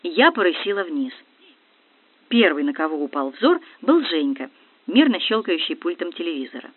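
Brief: brisk ironic storyteller reading a comic novel, dead-dry close audio, thin band. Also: mid-range voice, sing-song, husky, no room sound. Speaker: audiobook reader. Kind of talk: first-person comic novel narration. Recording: dry, tinny phone-like audio.

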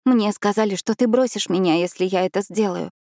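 A woman's voice: medium pitch, a little fast, a little mellow, dry recording, clean studio sound, pitched above the performer's own voice, natural voice. A woman voicing a timid, guilt-ridden young woman who pleads and apologizes in an audiobook. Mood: pleading. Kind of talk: audiobook character voice.

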